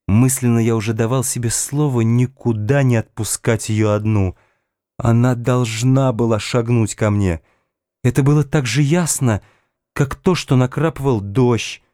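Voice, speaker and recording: A man reading a novel aloud in the first person, in a measured, calm literary narration. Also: medium pitch, dry recording, clean studio sound. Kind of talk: audiobook narration.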